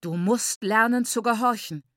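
A woman voicing an enraged, domineering middle-aged father who shouts and berates his daughter. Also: medium pitch, animated, unhurried, no room sound, clean studio sound, natural voice. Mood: berating.

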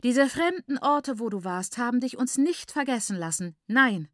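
A woman voicing an overjoyed young woman who stretches each word melodically and gives high ululating cries. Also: animated, normal speed, no room sound, natural voice. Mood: gushing. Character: jubilant, gushing young woman, loud and sing-song. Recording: dry close recording.

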